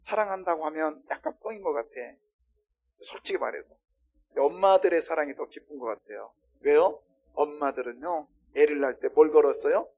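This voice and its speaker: A male pastor preaching a sermon, swinging between loud exclamations and quiet asides while questioning the congregation. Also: fairly high pitch, fairly quick.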